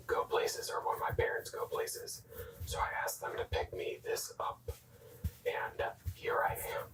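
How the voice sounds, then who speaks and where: A young adult whispering in a soft, unvoiced ASMR style, slowly repeating words and rambling through casual, self-correcting asides. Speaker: ASMR creator showing hockey jerseys. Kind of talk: whispered ASMR show-and-tell. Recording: echoey room, voice distant from mic.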